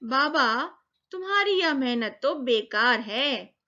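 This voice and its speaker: A king questions an old man in a children's storybook reading, as a woman reads it. The voice is fairly high and the audio is dull and lo-fi. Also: animated, slow pace, pushed and bright, heavily acted. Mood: doubting. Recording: dull lo-fi recording.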